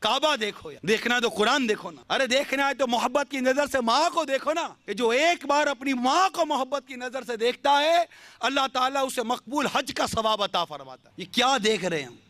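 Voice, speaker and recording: High-pitched impassioned male preacher. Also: lively intonation, normal speed, bright, forceful tone, no echo. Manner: impassioned, rhetorical questions, mimics others. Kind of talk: sermon.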